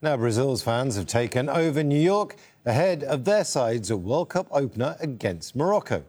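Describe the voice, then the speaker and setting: A man presenting the news as anchor, with lively, varied intonation. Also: mid-range voice, normal speed, faint music behind.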